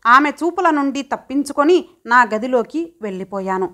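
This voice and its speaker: Woman narrator, high-pitched, steady, measured, scripted story reading. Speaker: audiobook narrator.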